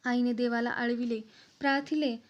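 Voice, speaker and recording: A woman narrating a classic book in a steady, expressive storytelling manner. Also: fairly high pitch, normal speed. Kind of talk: literary book reading. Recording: slightly dull, lo-fi recording.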